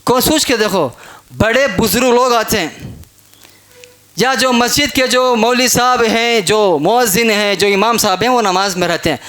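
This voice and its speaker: A man preaching a Friday sermon in a mosque, emphatic and repeating rhetorical questions, sometimes shouting. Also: very high voice, normal speed.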